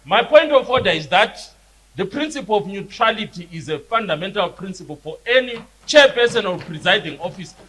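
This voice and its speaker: A man's voice: high-pitched, lively intonation, a little fast, a bit bright, rough recording. A man with a Zimbabwean accent, a member of parliament raising an objection in an insistent, emphatic and repetitive way. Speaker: opposition-minded member of parliament.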